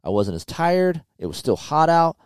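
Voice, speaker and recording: A man's voice: a little high, sing-song, moderate pace, smooth, no echo. A middle-aged man hosting a motocross podcast, talking casually and bluntly about riding, with plenty of swearing. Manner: blunt, profane, conversational. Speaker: podcast host and motocross tester. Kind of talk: casual chat.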